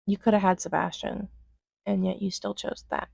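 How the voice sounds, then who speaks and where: A young woman recapping a movie in casual, flippant commentary, acting out lines in quick put-on voices. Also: medium pitch, little pitch movement, vocal fry, a little mellow, husky, dry recording, rough recording. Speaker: movie reviewer.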